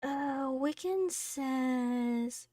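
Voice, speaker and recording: A woman's voice: high-pitched, extremely slow, mellow, poor audio. A woman game streamer giving casual, reactive live commentary full of exclamations.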